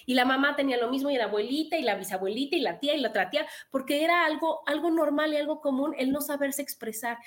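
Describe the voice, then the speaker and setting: A woman joins a radio conversation as a guest, with a high-pitched voice. She explains her ideas earnestly and keeps posing rhetorical questions to carry her point along. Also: fast talker, hardly any pauses.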